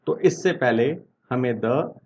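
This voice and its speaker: A man teaching English grammar in Hindi. He asks his class questions and answers them himself, and reads the example sentences slowly. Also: mid-range voice, lively intonation, darkish tone, highs cut off, slight background noise. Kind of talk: Hindi-language grammar lesson.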